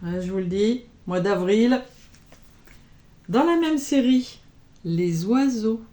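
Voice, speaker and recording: A woman vlogger talks through her embroidery projects in an easygoing show-and-tell chat. She speaks slowly, with a soft, mellow tone, and keeps tossing in small interjections as she goes. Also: mid-range voice, expressive. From France. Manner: chatty, punctuated with little interjections.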